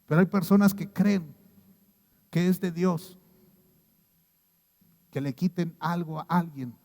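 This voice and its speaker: A man's voice: a little high, mellow, long reverb tail. A man with a Mexican Spanish accent preaching a sermon as pastor, telling stories and acting out the people he quotes.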